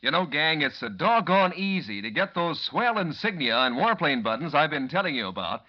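Animated old radio announcer, American man. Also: a little high, moderate pace. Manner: folksy, enthusiastic, addressing young listeners. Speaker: commercial announcer. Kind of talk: 1940s old radio announcer, cereal ad pitch. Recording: dull, lo-fi vintage radio recording.

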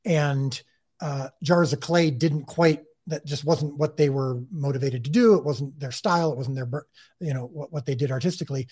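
Man, husky voice, somewhat high pitch, earnest interview talk, lots of restarts. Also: moderate pace, a little mellow. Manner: earnest, many restarts and repeated words. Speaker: creator of a faith-based TV series, interview guest.

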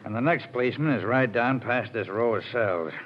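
An actor playing a gruff, put-upon policeman with a dry, dismissive manner in a 1940s radio drama. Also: medium pitch, a little fast, close to an everyday voice. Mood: weary, dismissive. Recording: dull, noisy old radio recording.

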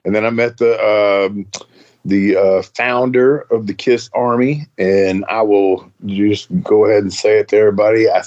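A man with a lowish voice talks in loose, rambling podcast chat, full of fillers and swearing. His sound is a bit muffled and lo-fi. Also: steady tone, normal speed, darkish tone. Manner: rambling, profane, stop-start with fillers. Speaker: podcast host.

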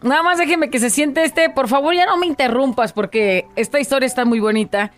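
A woman's voice: sits high, a little fast. A woman hosting a talk show and telling a fable, repeating words for emphasis. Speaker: host. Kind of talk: storytelling a fable.

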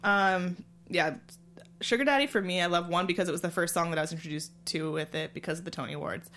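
A woman hosting a casual chat, talking quickly and laughing often. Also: lowish voice, fairly bright tone. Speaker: podcast host.

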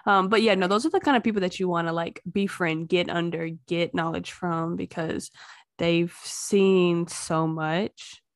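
A woman's voice: on the low side, fairly even intonation, a little slow, no room sound, clean studio sound. A woman, a mother of two and the guest, chatting casually in a rambling, storytelling way. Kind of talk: casual chat.

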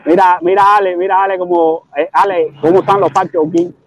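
A man's voice: high-pitched, little pitch movement, fairly quick, muffled recording. A man with a Cuban accent arguing heatedly on a live stream, repeating his points and talking over the others.

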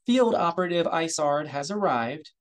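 A man's voice: fairly high pitch, animated, moderate pace, voice pushed up. A man doing a formal aide through a tinny comlink speaker. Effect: voice over a small comlink speaker. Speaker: audiobook narrator. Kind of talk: scripted audiobook narration.

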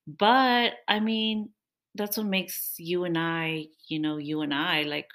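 A young woman from a Mexican-American family co-hosts a podcast with her partner, speaking in a fairly low, slightly bright voice. Their chat is casual and loose, and she laughs often and complains playfully.

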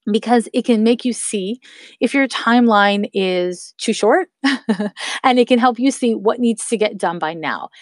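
In a dry, close recording without echo, a thirties-aged podcast host speaks in a mid-range voice. She gives casual spiritual guidance and cheers on her listeners, addressing them as her loves.

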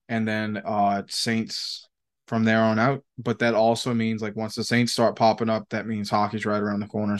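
A man co-hosting a podcast in casual chat, rambling and slangy, with plenty of swearing. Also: on the low side. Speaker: podcast co-host.

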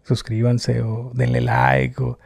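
A man's voice: mid-range voice, monotone, takes it slowly, creaky, a little mellow. A man from Tijuana with a northern Mexican accent, chatting casually and in colloquial slang as a YouTuber being interviewed. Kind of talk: casual chat.

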